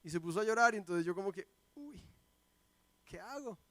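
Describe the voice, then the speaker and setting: A man in his thirties, a pastor, preaching a sermon and telling family stories with lively, acted-out quotes. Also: sits high, fairly quick, no room sound. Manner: lively storytelling, acts out quoted voices. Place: church sanctuary.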